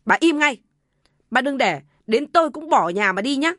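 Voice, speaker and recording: A woman voicing a quiet, stern older father who commands with weight. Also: a little high, fairly even intonation, brisk, creaky, dry recording, clean studio sound. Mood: stern anger.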